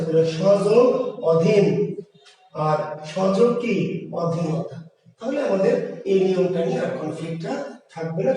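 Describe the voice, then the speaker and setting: A man's voice: high-pitched, a little mellow, very echoey, big-room sound, far from the mic, rough recording. A male teacher with a Bangladeshi Bengali accent gives an online grammar lecture. He explains each point step by step and keeps asking the class questions.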